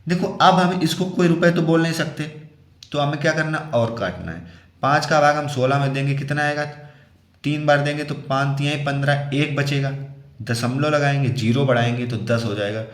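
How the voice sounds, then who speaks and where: A man's voice: a little high, moderate pace. Man teaching maths in an echoey room. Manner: explains patiently, asks and answers his own questions. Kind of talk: step-by-step maths lesson.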